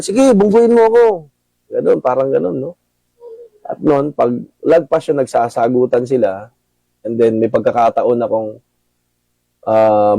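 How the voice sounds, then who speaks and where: A middle-aged Filipino man with a gravelly voice, giving casual advice to fellow riders and gun club members, often tagging his sentences with "no?". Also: mid-range voice, mellow, no room sound, rough recording. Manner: addresses listeners as brothers, frequent tag "no?".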